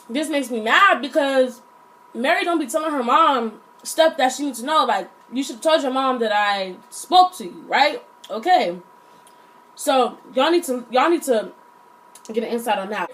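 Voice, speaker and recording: A young woman tells a casual storytime. She is slangy and animated, and she acts out the quotes. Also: a little high, poor audio. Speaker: vlogger.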